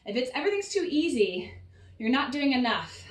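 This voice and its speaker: A woman's voice: high-pitched, big pitch swings, brisk, recorded from a distance. A woman fitness coach guiding a workout, encouraging and cueing each breath and rep, a little out of breath. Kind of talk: workout instruction. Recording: roomy sound, voice off-mic.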